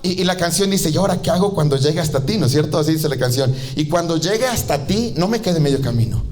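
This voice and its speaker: Animated preacher with big pitch swings. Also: male voice, fast. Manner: animated storytelling, acting out voices with big pitch jumps. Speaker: pastor. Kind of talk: sermon.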